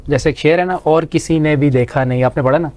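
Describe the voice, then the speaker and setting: A man's voice: a little high, darkish tone. A man judging a children's recitation contest on a studio show, patiently correcting their pronunciation.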